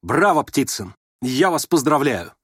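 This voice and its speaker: A man's voice: medium pitch, sing-song, unhurried, breathy edge, dry recording, clean studio sound. A man voicing a proud young woman who mocks and teases. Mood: mocking. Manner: teasing, scornful.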